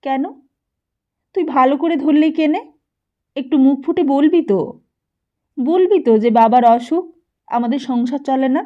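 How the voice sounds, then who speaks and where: Woman narrator doing a poor village mother pleading with her son, pitched up high, dull lo-fi sound. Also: unhurried, pauses often. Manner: pleading, raised scolding voice.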